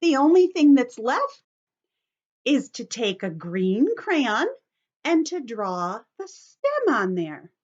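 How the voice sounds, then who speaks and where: A woman teacher at children's story time shows young kids a craft one step at a time, talking to them directly in simple, instructive language. Her voice sits on the high side with a sing-song lilt, and she takes her time. The audio sounds dull.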